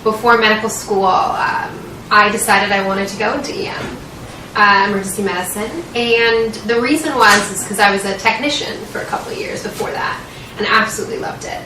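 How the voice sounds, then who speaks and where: A young adult medical student from Washington State speaks in an interview with an American accent, her answers sincere and hesitant. Her mid-range voice stays steady and moves a little fast. The audio is echoey and roomy, picked up by a distant mic with faint noise.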